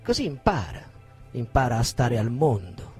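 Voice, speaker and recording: A man's voice: fairly high pitch, sing-song, a little slow, soft background music. An actor playing a raging abusive man. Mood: cold, menacing. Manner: swings from shouting insults to cold menace. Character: abusive aggressive man berating a woman. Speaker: actor reading a monologue. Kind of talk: dramatic reading.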